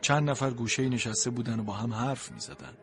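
A man narrating a storybook in the first person from a dog's point of view, in an earnest, expressive way. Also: medium pitch. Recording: noisy background.

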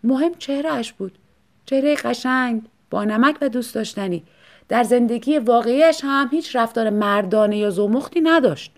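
A woman narrating a story in a calm, even audiobook reading. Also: on the high side.

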